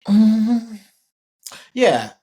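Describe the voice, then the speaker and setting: A man's voice: high voice, extremely slow, breathy edge. A man in middle age telling a laid-back, laughing story as a podcast guest, with a lot of casual fillers. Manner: relaxed, laughing, lots of "like" fillers. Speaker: podcast guest, former college football player.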